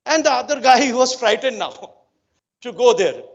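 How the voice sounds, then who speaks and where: Male coach, Indian accent, high voice. Emphatic, instructive lecture delivery with repeated phrasing and check-in questions. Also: animated, a little slow, dull audio. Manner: emphatic repetition, frequent rhetorical check-in questions. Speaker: brain-based coach giving a talk to students. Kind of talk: motivational educational lecture with storytelling.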